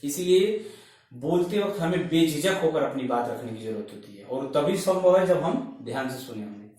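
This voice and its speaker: A man's voice: fairly high pitch, animated, moderate pace, a little mellow, distant mic. A man giving a teaching lecture on language skills, listing his points one by one in a methodical way. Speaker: teacher trainer. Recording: echoey room, voice off-mic.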